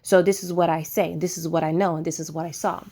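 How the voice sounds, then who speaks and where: A woman vlogger shares a casual spiritual testimony as a monologue, earnest and insistent, tagging her points again and again with "right?". Her voice is fairly low and mellow, her intonation fairly even, her pace quick.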